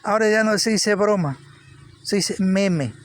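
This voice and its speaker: A man whose voice sits high speaks unhurriedly, giving an informal Bible teaching. He repeats words for emphasis and rises with energy at points.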